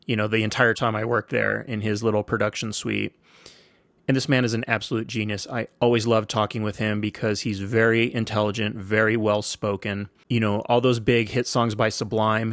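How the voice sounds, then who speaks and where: A man in his forties with a low, gravelly voice, telling stories in a laid-back, slangy, rambling way. He sounds dry and close, as if recorded in a small room. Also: fairly bright tone, dry recording. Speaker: podcast host. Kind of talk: casual storytelling monologue.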